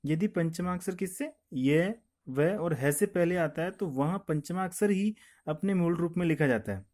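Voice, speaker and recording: A man's voice: fairly high pitch, moderate pace, a little mellow. A man teaching grammar, who repeats each point and asks questions that he then answers himself. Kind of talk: classroom explanation with questions and answers.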